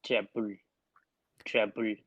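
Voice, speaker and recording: A man with an Indian accent practises English tongue twisters and drill words as a student. He speaks very slowly and deliberately, with little pitch movement. The sound is dry and slightly dull, lo-fi. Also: little pitch movement, fairly bright tone, dry recording. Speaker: pronunciation student.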